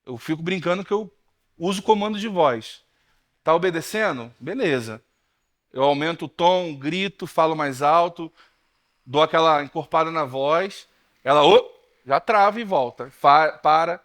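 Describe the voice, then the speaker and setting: A man in his thirties with a Brazilian Portuguese accent, preaching a sermon in a church and telling stories lively to the congregation, whom he calls brothers. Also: a little high, unhurried. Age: 30s. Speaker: pastor.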